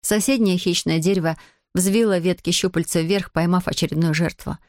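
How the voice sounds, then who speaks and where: A woman with a fairly low voice narrates an audiobook in an even, measured storytelling style. The recording is dry and studio quality.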